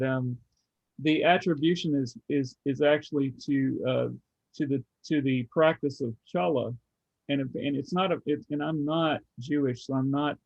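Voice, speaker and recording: Gravelly man with halting speech. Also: medium pitch, darkish tone, dry recording. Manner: halting, many restarts, thinks aloud. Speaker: study group member. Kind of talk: casual group discussion. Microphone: video call. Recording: muffled video call audio.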